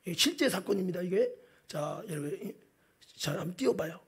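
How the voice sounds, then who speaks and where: A male pastor preaching a sermon in church, impassioned and colloquial, shouting at the peaks. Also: high-pitched, lively intonation, normal speed, creaky, breathy edge.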